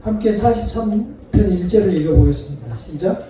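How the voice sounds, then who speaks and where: A man preaching a sermon as a pastor, earnest and deliberate, leaning on repeated emphasis. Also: sits high, animated, mellow, slight background noise. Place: church sanctuary. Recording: echoey room, voice picked up from a distance.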